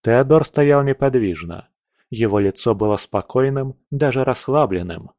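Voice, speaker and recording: A man narrating a fantasy audiobook in a measured, dramatic reading. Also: medium pitch, animated, a little mellow, dry recording, studio quality.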